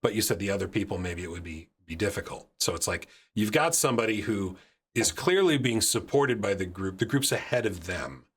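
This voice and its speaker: A man's voice: lowish voice, lively intonation, fairly quick, husky. A man hosting a podcast, chatting casually with a friend, often repeating phrases and restarting sentences. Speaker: podcast host.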